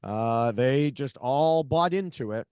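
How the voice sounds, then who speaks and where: A man's voice: mid-range voice, expressive, takes it slowly, darkish tone, clean tone, no room sound, clean studio sound. A man co-hosting a political podcast, talking casually with sarcasm and exasperation and lots of fillers. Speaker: podcast co-host.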